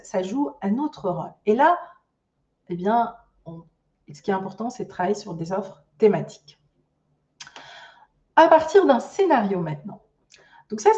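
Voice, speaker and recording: A woman's voice: mid-range voice, warm tone, recorded from a distance, muffled recording. A woman giving an online master class on starting an ecotourism business, speaking loosely with lots of fillers and restarts. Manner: loose spoken delivery with many fillers and restarts.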